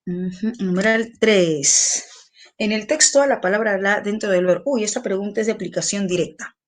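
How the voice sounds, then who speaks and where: A woman's voice: mid-range voice, normal speed. A woman teacher speaks in an online class. She goes over the point patiently, repeats key phrases and checks that her students follow.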